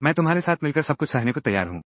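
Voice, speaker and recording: A male dub actor playing a calm, fearless young delivery man who stays unshaken under threat. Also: on the high side, rapid-fire, no room sound. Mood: defiant. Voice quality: cool, unshaken. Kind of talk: Hindi dub of a drama series.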